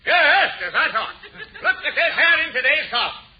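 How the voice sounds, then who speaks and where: An actor playing a blustering, addled newspaper editor in 1940s radio comedy, firing clipped, repeated vaudeville comic one-liners. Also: male voice, very high voice, expressive, moderate pace. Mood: harried, blustering. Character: blustering, addled old newspaper editor, griping about his wife. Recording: muffled old 1940s radio recording, faint noise.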